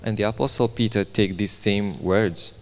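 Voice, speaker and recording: In a reverberant church hall, a man interprets a sermon into English line by line, mirroring the preacher's emphasis and making small grammar slips. His fairly low voice is steady and unhurried.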